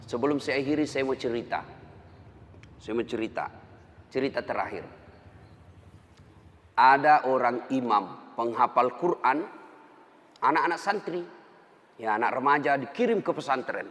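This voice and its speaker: A man preaching an Islamic sermon, telling humorous anecdotes in a lively storytelling manner, his voice climbing at the punchlines. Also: medium pitch, moderate pace, long pauses. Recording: long hall reverb.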